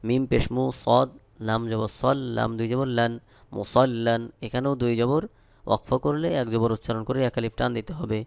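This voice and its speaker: A Bangladeshi man teaching Quran reading, spelling out each letter slowly and then chanting the verses. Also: medium pitch, steady tone, creaky, clear, resonant tone, no echo. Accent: Bangladeshi Bengali. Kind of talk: spelling out Quran recitation lesson.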